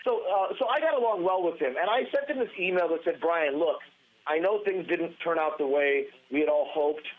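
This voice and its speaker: A man telling a long story as a podcast guest, animated and rambling, restarting his sentences often. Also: on the high side, fairly quick. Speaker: podcast guest, former band guitarist. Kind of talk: casual storytelling interview. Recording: tinny phone-line sound.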